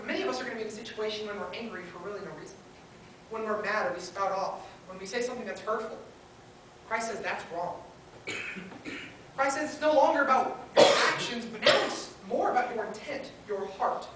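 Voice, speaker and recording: A woman preaches briskly at a pulpit microphone in a mid-range, fairly bright voice. Her sermon is earnest, built from short listed phrases. The hall is very echoey, the sound far off and faintly hissy.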